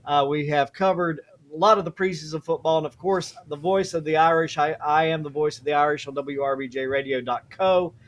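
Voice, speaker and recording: A man's voice: a little high, steady tone, a little fast, hardly any pauses. Plain-spoken joking man. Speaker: co-host, high school sports broadcaster. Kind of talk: casual live-stream sports chat.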